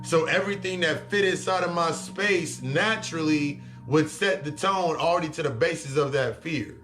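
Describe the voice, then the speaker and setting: Higher-pitched guy doing a blunt self-help rant, swears a lot, keeps hammering the same point. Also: normal speed, fairly bright tone, soft background music. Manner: blunt, profane, repetitive and emphatic. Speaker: spiritual reader and life coach. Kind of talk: motivational self-help monologue.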